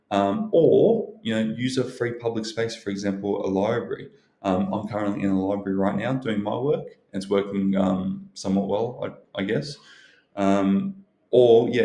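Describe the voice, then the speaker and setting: A man with a deep, mellow voice talks through advice in a casual, unscripted way. His delivery stays very even and rambles, with many hedges and filler phrases. The sound is roomy and echoing, as an indoor video host might record it. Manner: rambling, hedging, leans on "you know" and "look". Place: indoors, in a library.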